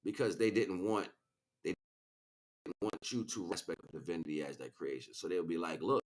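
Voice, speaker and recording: A deep-voiced man with a darkish tone speaks at a moderate pace, with a little hiss or hum in the audio. He's a spiritual teacher hosting a livestream, giving an informal lecture off the cuff, repeating phrases for emphasis and often checking in with listeners.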